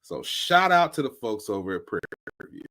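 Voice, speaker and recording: A man's voice: lowish voice, sing-song, a little fast, bright, forceful tone. A man hosting a show in a casual, joking and slangy way. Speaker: host.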